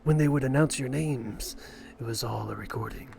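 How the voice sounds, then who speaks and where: A man casually chatting on a live stream while playing a horror game, swearing and yelling at the enemies. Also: medium pitch, normal speed, gravelly, over music.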